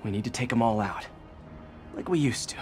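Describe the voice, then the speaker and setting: A man's voice: medium pitch, brisk, music in the background, close to an everyday voice. A man playing an earnest, quippy young superhero in a video game, speaking expressively. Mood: focused. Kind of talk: cinematic game voice acting.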